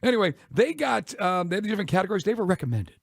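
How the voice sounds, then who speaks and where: Fast-talking, gravelly American radio host, a man. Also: sits high, very animated, dry recording, clean studio sound. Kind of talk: casual radio talk. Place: radio studio. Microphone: close broadcast microphone.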